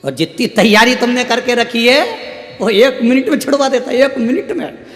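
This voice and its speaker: A man's voice: very high-pitched, normal speed. A man preaching a sermon, telling a story and acting out its characters in short bits of dialogue. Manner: animated, acts out characters in dialogue. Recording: echoey hall with faint music.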